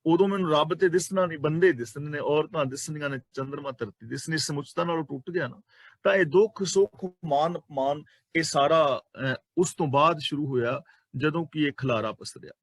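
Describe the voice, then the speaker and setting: A man's voice: fairly high pitch, brisk, no room sound. A man with a Punjabi accent giving a scripture sermon, explaining patiently through repetition and rhetorical questions. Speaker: Sikh preacher explaining scripture.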